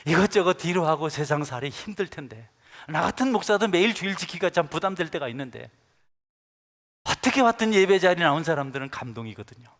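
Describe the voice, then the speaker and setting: A man delivers a sermon, dropping to near-whispers and then rising loud and emphatic. His voice sits a little high for a man. It carries a long reverb, as in a large church hall. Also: lively intonation, fast talker. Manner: swings between hushed, intimate asides and loud, emphatic preaching. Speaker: pastor.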